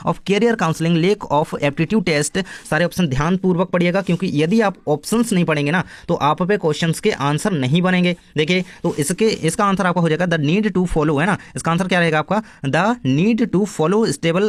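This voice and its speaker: A young man, a teacher, going step by step through the answers of an exam paper and reading each question aloud slowly. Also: a little high, dry recording. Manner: explains step by step, reads questions slowly, repeats "है ना".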